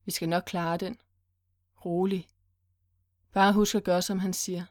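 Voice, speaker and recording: A woman doing a frightened man forcing calm. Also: mid-range voice, no echo, clean studio sound, natural voice. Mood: hushed. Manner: soft, soothing.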